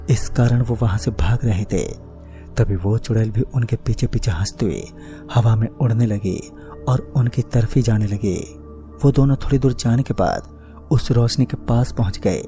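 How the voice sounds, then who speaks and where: A man's voice: on the low side, mellow. A man narrating a scripted horror story as a storyteller. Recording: faint music bed under the voice. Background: faint background music.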